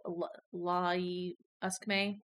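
A woman's voice: on the low side, little pitch movement, drawn-out words, fairly bright tone. A woman co-hosting a casual podcast, teasing her partner and laughing often. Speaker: podcast co-host. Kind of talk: casual chat.

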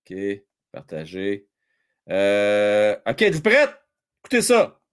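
A man's voice: on the low side, wildly swooping pitch, takes it slowly, clear, resonant tone. Chatty Quebec man hosting a hockey stream. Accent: Quebec French. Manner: chatty, jokey, reads viewer comments aloud, many fillers. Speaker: live-stream hockey host. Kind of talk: casual live-stream chat.

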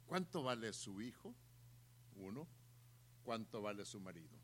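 A man's voice: on the low side, sing-song, unhurried, a little hiss or hum. A man preaching a sermon, putting questions to his listeners and repeating his points for emphasis.

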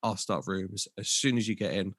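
Male co-host, low voice, dry close sound, casual sweary storyteller. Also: normal speed, a bit bright, slightly rough, dry recording. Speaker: podcast co-host, tour manager. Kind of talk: casual chat.

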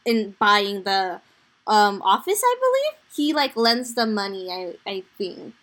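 A woman's voice: mid-range voice, sing-song, fairly bright tone. A woman in casual chat about a TV series, talking loosely with fillers and hedges. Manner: chatty, hedging with fillers and quick agreements. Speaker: show recap co-host.

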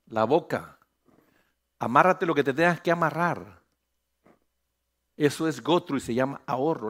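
A pastor preaching a sermon on a church stage, animated, slipping English phrases in and building to loud emphatic peaks. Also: male voice, medium pitch. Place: church stage under bright lights.

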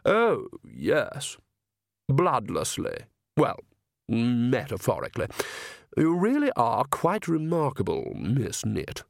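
A man's voice: medium pitch, wildly swooping pitch, takes it slowly, creaky, no room sound, clean studio sound, full character voice. A man voicing a smug young male vampire aristocrat, drawling with disdain and amusement. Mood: disdainful.

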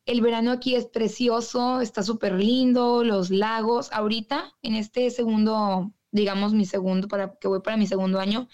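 A woman's voice: medium pitch, a little mellow, lo-fi sound. A woman from Monterrey with a northern Mexican accent, telling her stories as a guest in a casual, slangy way. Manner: chatty, slangy, quotes people in her stories. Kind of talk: casual storytelling in an interview.

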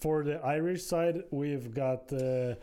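A man hosting a podcast, interviewing a guest over food with slow, searching phrasing and restarts. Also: on the high side, mellow, clean tone. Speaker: podcast host.

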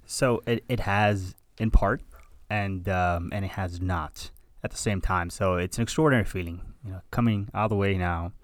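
A Cuban-born man in his thirties, who moved to the US at six, is a graduating medical student appearing as a podcast guest. His low voice stays fairly even at a normal pace in a dry recording as he answers conversationally, gracious and effusive.

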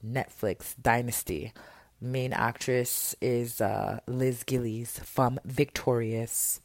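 A woman's voice: extremely low pitch, steady tone, slow, darkish tone, no echo. A young woman, rambling through a casual podcast vent with loose, candid chatter and lots of fillers, recorded on phone earphones at home. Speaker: podcast host. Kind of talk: casual venting monologue. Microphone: earphone mic into a phone voice memo.

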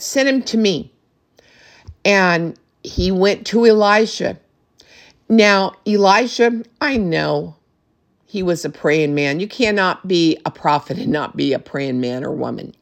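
A woman preaching a sermon, emphatic and drawn out, calling out to the congregation with asides. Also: medium pitch. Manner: slow, emphatic preaching with call-and-response asides.

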